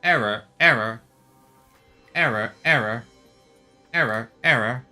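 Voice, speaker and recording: A man streaming a game who voices a glitching robot stuck repeating error messages in a flat, chanting way. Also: medium pitch, slow, faint music behind, pitched below the performer's own voice. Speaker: gameplay streamer.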